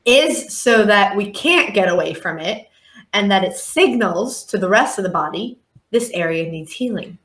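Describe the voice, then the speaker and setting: A woman's voice: medium pitch, lively intonation, moderate pace, fairly bright tone, roomy sound. A woman speaking as a life coach guest on a podcast, earnest and reflective. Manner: earnest, reflective, acts out clients' voices. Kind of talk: podcast interview talk.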